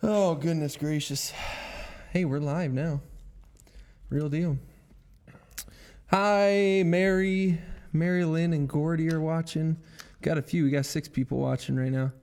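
A livestream host with a fairly high, steady, slightly mellow voice talks a little slowly and pauses often. He keeps things upbeat and chatty, greeting viewers and humming filler tunes as he sets up.

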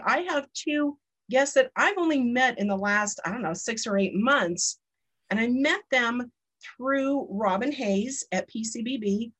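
A chatty woman in her fifties hosts a podcast, slipping easily into personal stories. Her voice sits a little higher than most. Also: breathy edge. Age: 50s. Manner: chatty and storytelling. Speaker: podcast host. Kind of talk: casual podcast interview.

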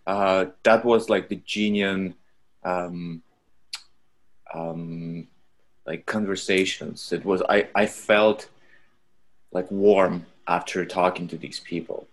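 A man from Russia with a Russian accent, chatting casually on a podcast and often pausing to search for words. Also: deep voice, fairly even intonation. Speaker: podcast guest. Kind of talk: casual chat.

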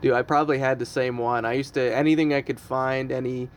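Here the same kind of speaker, a comedic podcaster in his early thirties, talks fairly quickly in a mid-range voice with fairly even intonation. The casual chat wanders, laced with self-deprecating jokes and lots of laughter.

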